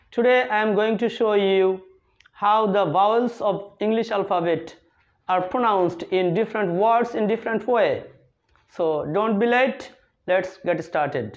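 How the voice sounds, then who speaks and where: A man who lectures in English, teaching a video lesson on vowel sounds. He explains slowly, repeating words and spelling them out letter by letter. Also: sits high, highs cut off. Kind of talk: classroom-style video lesson.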